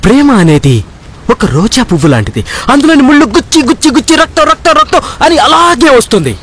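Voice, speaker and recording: A cheeky young man who teases an old grandfather with mock sympathy. His voice is very high and lively in a dubbed movie scene. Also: fast, heavily acted. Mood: teasing. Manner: teasing, mock-consoling. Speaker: film character in a dubbed movie. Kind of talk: dubbed film acting.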